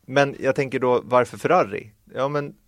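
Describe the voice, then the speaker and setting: Swedish male co-host, low gravelly voice, dry sound, hedging chat. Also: dry recording. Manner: measured, hedging explanations with fillers. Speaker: podcast co-host. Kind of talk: casual motorsport podcast chat.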